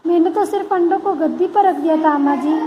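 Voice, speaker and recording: A woman's voice: extremely high pitch, fast talker, lo-fi sound, slight background noise. A woman reading as a sulky young boy. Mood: tearful.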